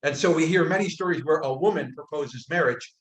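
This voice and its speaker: A man from upstate New York talks calmly about storytelling, stopping often on "uh" and letting his phrase ends drop soft. His voice is a little high for a man. The room around him rings with echo. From upstate New York, United States. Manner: thoughtful, many "uh" pauses, soft trailing phrase ends. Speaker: guest storyteller. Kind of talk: casual storytelling talk on a webinar. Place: indoors, abroad in Croatia.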